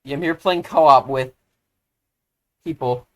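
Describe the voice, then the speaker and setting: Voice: medium pitch, slow. Rambling, self-deprecating live streamer. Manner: easily excited, bursts into loud exclamations. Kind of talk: casual live-stream gaming chatter.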